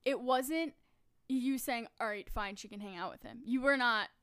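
A young woman hosting a casual family podcast, chatty and quick to laugh. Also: on the high side, a bit bright, smooth. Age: young adult. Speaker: podcast host.

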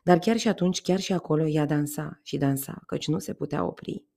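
A woman podcaster reading a fairy tale aloud, calm and measured, then reflecting on it. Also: low voice, creaky. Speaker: podcast storyteller.

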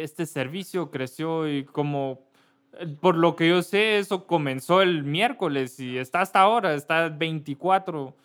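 A man from Kentucky, a pastor giving casual church announcements, halting and correcting himself often. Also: on the high side, a bit bright. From Kentucky, USA. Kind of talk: church announcements before a service.

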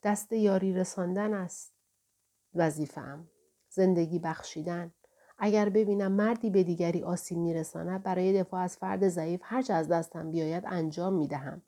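A woman narrating a novel aloud in a steady, measured way, in the first person. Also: fairly low pitch. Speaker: audiobook narrator.

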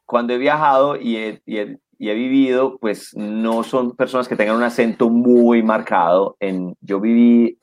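Animated man chatting. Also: mid-range voice, a little slow, few pauses. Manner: animated storyteller, acts out quotes. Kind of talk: casual chat.

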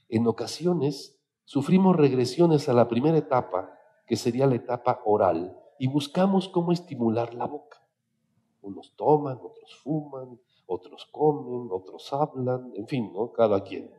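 A man with a Mexican accent giving an animated, chatty talk on psychology, telling anecdotes as he goes. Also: mid-range voice. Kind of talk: storytelling lecture.

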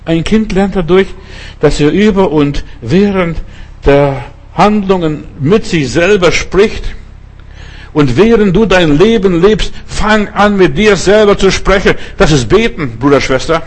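A man's voice: sits high, animated, unhurried. A middle-aged man from Germany preaching a sermon, telling stories emphatically and addressing the listeners directly.

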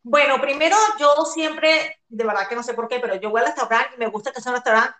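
A woman's voice: on the high side, fairly quick, bright, forceful tone. A woman raised in Venezuela, speaking as a guest chef in a casual interview and eagerly sharing stories. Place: home in Germany. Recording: echoey room.

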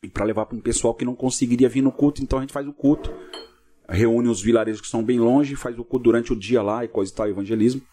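A man, a pastor guest on a podcast, telling a long story in a casual interview, lively and acting out what people said. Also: mid-range voice. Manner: fast, vivid storyteller acting out dialogue.

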